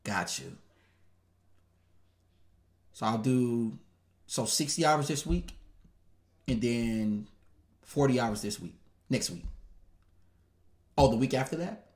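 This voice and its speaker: A man putting on a polite, proper-speaking male retail worker with a quiet, dutiful, customer-service tone. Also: medium pitch, slow, long pauses, lightly acted.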